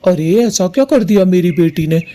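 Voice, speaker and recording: A man's voice: sits high, animated, normal speed, mellow. A man voicing a stern, protective father bird in a cartoon who gives firm commands. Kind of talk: Hindi cartoon voice acting.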